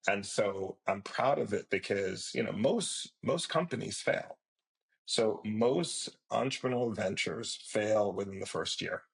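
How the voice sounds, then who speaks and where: Deep, gravelly middle-aged man from Jamaica. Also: animated, poor audio. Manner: measured and reflective, with frequent fillers. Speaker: guest, company founder. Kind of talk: podcast interview.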